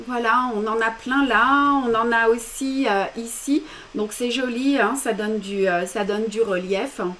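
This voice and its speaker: A French woman leads a live embroidery lesson, speaking slowly and patiently through each step. Her voice sits a little high, and a faint hiss runs under the recording. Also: a bit bright. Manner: step-by-step instructions, self-deprecating asides. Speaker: embroidery teacher. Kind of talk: live craft demonstration.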